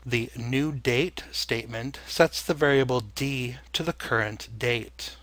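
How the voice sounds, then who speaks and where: Male tutorial narrator, crisp bright edge, dictating manner with clearly parted phrases, very dry close recording. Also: mid-range voice, takes it slowly, dry recording. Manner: dictating code symbol by symbol, in separated phrases. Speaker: software tutorial instructor.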